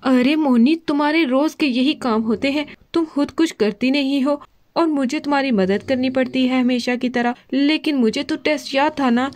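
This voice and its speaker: A woman's voice: sits high, natural voice. A woman doing a clever big-sister doll. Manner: confident, mildly scolding. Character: clever older sister girl doll, best student, protective. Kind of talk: doll play storytelling.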